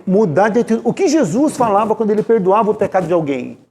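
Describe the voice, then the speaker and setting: Male Brazilian lecturer, mid pitch, animated delivery full of stories, faint hiss behind. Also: fast. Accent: Brazilian Portuguese. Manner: storytelling, speaks directly to the audience. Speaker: lecturer at a spiritist center. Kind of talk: conversational spiritist lecture. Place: spiritist center meeting room.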